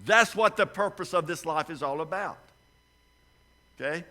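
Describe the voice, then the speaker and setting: A man preaching a sermon as pastor, swinging from loud emphasis to quiet, low asides. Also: moderate pace. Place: church sanctuary.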